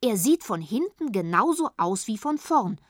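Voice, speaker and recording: A woman's voice: mid-range voice, big pitch swings, normal speed, dry recording. A woman reading aloud, voicing a cheeky, hungry little girl in a storybook. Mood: pert. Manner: cheeky, pert.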